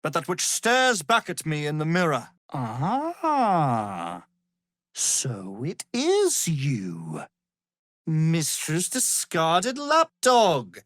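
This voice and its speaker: An arrogant, power-hungry male wizard from a fantasy game speaks in an unhurried, highly animated, exaggerated voice, haughty and menacing. Pompous and condescending, he relishes each phrase theatrically, recorded dry and close with no echo.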